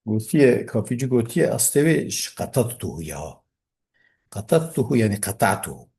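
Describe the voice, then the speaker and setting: A man's voice: fairly low pitch, very animated, moderate pace, gravelly, darkish tone, breathy edge. A man with a Kurdish accent teaching a classical grammar text, reading it aloud and then explaining it.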